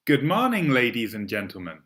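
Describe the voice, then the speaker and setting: A man reads a formal cabin crew announcement like a flight attendant. His intonation swings widely between high and low. The phrasing is measured and scripted, made for learners to copy. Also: huge pitch swings, fairly bright tone. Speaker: English lesson narrator reading a flight attendant announcement.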